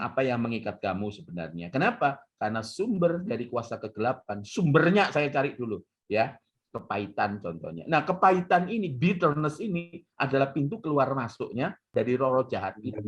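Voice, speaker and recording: Animated husky-voiced male pastor. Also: medium pitch. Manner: animated storytelling, acts out quoted voices. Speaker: pastor teaching. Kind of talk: conversational teaching.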